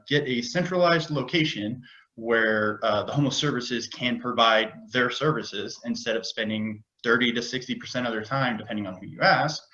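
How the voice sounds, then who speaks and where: A man giving a candidate statement for city council over a video call, earnest and slightly halting. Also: medium pitch, sharp tone, dull audio.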